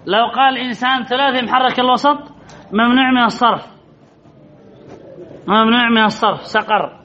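A man's voice: extremely high pitch, brisk, bright, forceful tone. Man, grammar lesson, reads from a classic text, quizzes students, dull recording, faint hiss. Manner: asks students questions and repeats answers. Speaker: Arabic grammar teacher. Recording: slightly dull, faint background noise.

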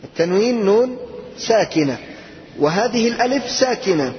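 A man teaching Arabic grammar to a class, asking questions and repeating key words slowly. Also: high-pitched, expressive, in a large hall, dull audio, a little hiss or hum.

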